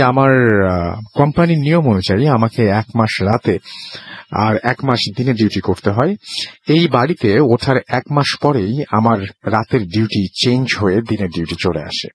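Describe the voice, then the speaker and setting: Man host reading a scary story, husky voice, sore throat, lowish pitch. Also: no room sound. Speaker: host reading a listener's email. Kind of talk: storytelling of a listener's ghost experience.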